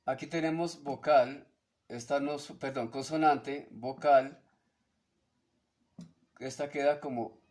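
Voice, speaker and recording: Slow, hesitant Colombian man teaching. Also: medium pitch, steady tone, a little mellow. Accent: Colombian Spanish. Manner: hesitant, with many fillers and self-corrections, checks in with "ok?". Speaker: teacher of an invented language. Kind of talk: slow explanatory lesson.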